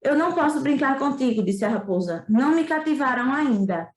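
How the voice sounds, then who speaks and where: A woman with a Northeastern Brazilian accent voicing a wise, patient female fox who explains things calmly. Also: sits high, brisk, echoey room, rough recording. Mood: explaining.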